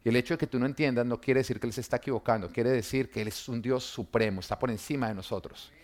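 A man, preaching an emphatic sermon that swings between loud and quiet, full of rhetorical questions and humor for the congregation. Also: mid-range voice, fast. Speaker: pastor.

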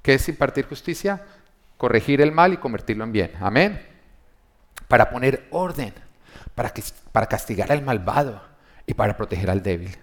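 A man preaching a sermon in a mid-pitched voice, talking to his listeners directly. He fires rhetorical questions at the congregation and swells louder to drive home his key points. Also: animated, moderate pace. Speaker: pastor.

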